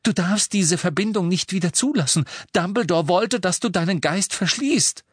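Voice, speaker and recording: Man doing a worried young witch, higher and louder, urgent and pushy. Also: moderate pace, husky, dry recording, studio quality. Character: anxious, insistent young witch.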